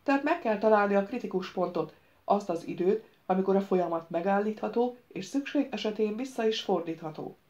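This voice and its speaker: A woman's voice: medium pitch, expressive, darkish tone, natural voice. Woman reading as a stout, commanding mustached official. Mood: lecturing. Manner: lecturing, deliberate, firm. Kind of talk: audiobook reading.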